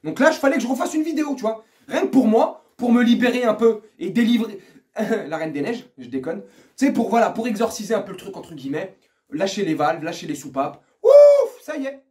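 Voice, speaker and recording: Ranting vulgar football vlogger, high voice. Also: male voice, animated, brisk. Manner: vulgar, ranting, swings from muttering to shouting. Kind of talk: angry football rant. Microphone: earphones mic.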